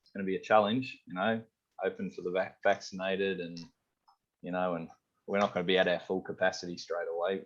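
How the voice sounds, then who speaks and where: Low-pitched and brisk, an Australian-accented head chef from Sydney chats informally during an interview. His talk is loose and relaxed, peppered with "you know" and "um," on a slightly dull lo-fi recording.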